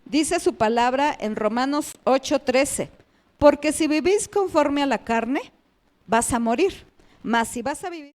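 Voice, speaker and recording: A woman's voice: high-pitched, lively intonation, measured pace, a little mellow. A woman pastor giving a sermon, addressing the congregation as brothers and asking them questions.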